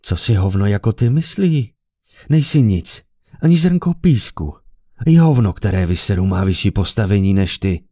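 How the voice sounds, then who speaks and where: A man's voice: fairly low pitch, big pitch swings, warm tone, no echo, studio quality, voice pushed up. A man playing a scornful cruel emperor. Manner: scornful, vulgar. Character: contemptuous cruel male emperor.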